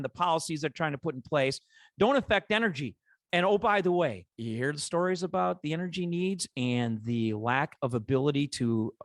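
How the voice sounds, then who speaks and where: A podcast host with a Chicago accent talks in a lively, opinionated rush. His voice sits on the higher side for a man. The recording is dry and close, with no room sound. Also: no room sound. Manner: animated, opinionated ranting. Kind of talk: casual podcast discussion.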